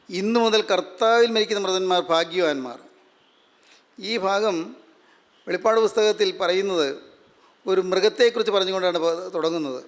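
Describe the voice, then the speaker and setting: A man with a Malayali accent preaching a sermon, measured and repeating phrases for emphasis. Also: high-pitched. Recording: long hall reverb.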